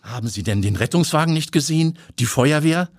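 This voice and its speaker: A man raises his voice to play a bold young woman reporter who keeps pressing with questions. Her lines sit above his own register, lively and insistent, read close and dry. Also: on the high side, a little fast, no room sound, pitched above the performer's own voice. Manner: inquisitive, pushy.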